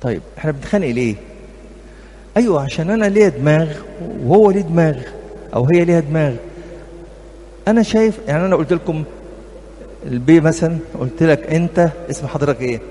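Fast-talking Egyptian man in a reverberant hall. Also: on the high side, expressive, warm tone. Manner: humorous, anecdotal, addresses audience directly. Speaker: church marriage counselor. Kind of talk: talk to couples at church. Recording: reverberant hall, faint background noise.

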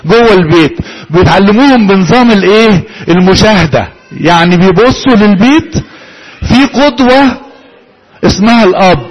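A man with an Egyptian Arabic accent lectures a room, his high voice carrying a husky, breathy grain. He keeps putting questions to his listeners and then answering them himself. The delivery has the steady rhythm of a classroom talk. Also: low-quality recording. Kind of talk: interactive lecture to a live audience.

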